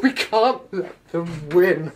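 A man's voice: sits high, animated, slow. A man playing a melodramatic young investigator, barking urgent orders. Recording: noisy recording.

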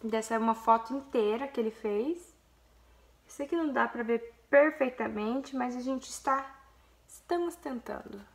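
Gushing young Brazilian woman, slight vocal fry. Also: a little high, measured pace. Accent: Brazilian Portuguese. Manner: gushing, chatty, addresses viewers directly. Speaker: vlogger, mother. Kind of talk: casual vlog, showing a photo album.

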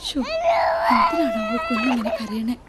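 An actress playing a young mother in a staged historical drama, narrating her story and hushing her crying baby. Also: a little high, wildly swooping pitch, moderate pace, heavy background noise. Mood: soothing. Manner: soothing a crying baby, rocking lull. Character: young mother Meenakshi, grieving. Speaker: narrator and character. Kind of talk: historical light-and-sound show drama.

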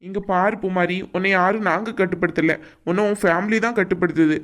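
Speaking fairly low and a little fast with fairly even intonation, a woman uses her natural voice to portray a cranky young cartoon character. She gives him a Kanyakumari Tamil accent and an impatient, scolding curtness.

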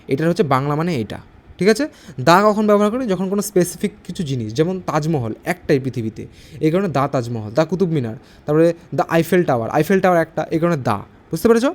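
A man teaching an exam-prep English grammar lesson, explaining step by step, reading English sentences slowly and often asking whether students understood. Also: fairly high pitch, a little mellow. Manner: explains step by step, asks frequent check questions.

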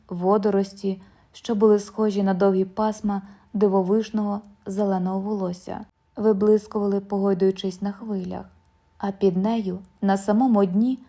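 A woman narrating a literary audiobook in a measured, calm storytelling manner. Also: medium pitch.

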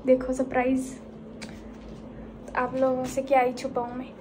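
A woman's voice: sits high, completely flat delivery, measured pace, darkish tone, slight background noise, low-quality recording. A woman hosting a casual vlog, chatting to viewers and often asking if they follow. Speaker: vlog host.

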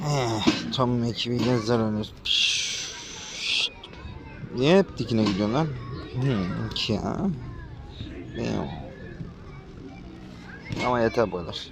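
A young man giving casual gameplay commentary as a gaming YouTuber, talking in a rough, slangy and bossy way to the characters on screen. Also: mid-range voice, normal speed, long pauses, background noise.

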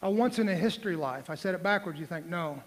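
A man's voice: high voice, expressive, quick pace. A man in his forties preaching a sermon in a church, folksy and joking, then pressing the room with emphatic questions. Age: 40s. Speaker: pastor. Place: church sanctuary. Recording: long reverb of a church hall.

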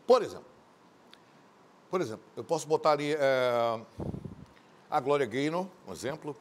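A man hosting a TV show, delivering loud, mocking studio commentary, shouting at times and acting out quoted voices. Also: medium pitch, animated, moderate pace, a little hiss or hum. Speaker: TV host.

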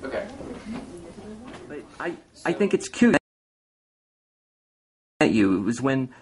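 A man acting in an amateur scripted skit, halting and restarting his lines and apologizing between takes. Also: mid-range voice, very animated, over a noisy crowd, low-quality recording.

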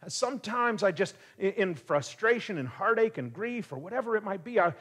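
A man's voice: sits high, lively intonation, a little fast, a bit bright. A man, a pastor, preaching a conversational sermon full of rhetorical questions. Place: church.

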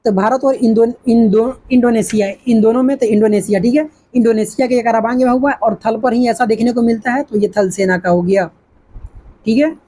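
A woman's voice: a little high, a little fast, mellow. A woman teaching an exam-prep lesson, asking questions and answering them herself. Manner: repetitive, asks and answers her own questions.

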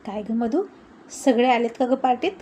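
Woman doing an evasive young woman faking illness; thin, weak, high voice. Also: normal speed, warm tone, slight background noise, close to an everyday voice.

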